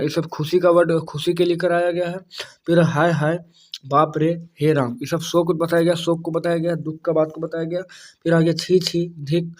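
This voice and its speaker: Man teaching grammar, fairly high voice. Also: darkish tone. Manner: explains patiently, repeating terms and checking with "ठीक है". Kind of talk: exam-prep grammar lesson.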